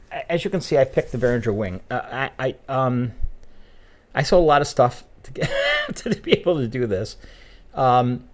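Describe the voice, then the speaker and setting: A middle-aged man hosting a podcast, chatting casually and rambling with frequent laughs. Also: medium pitch. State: out of breath. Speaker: podcast host. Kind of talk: casual chat.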